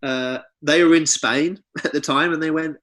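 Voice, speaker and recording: A man's voice: a little high, steady tone, normal speed, fairly bright tone. A man co-hosting a comedy podcast, teasing his friend and reeling off chart facts with wry asides. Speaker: podcast co-host. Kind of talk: casual comedy podcast chat.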